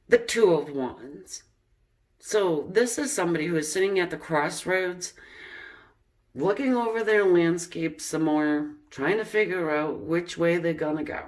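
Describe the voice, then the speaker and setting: A woman giving a pick-a-card tarot reading in a chatty way, with many fillers and laughing at the cards. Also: fairly low pitch. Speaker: tarot reader.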